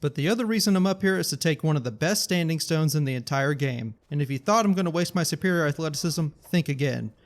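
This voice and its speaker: A man's voice: fairly high pitch, lively intonation, quick pace, few pauses. Wry man narrating gameplay. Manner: wry, joking asides. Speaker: gaming YouTuber.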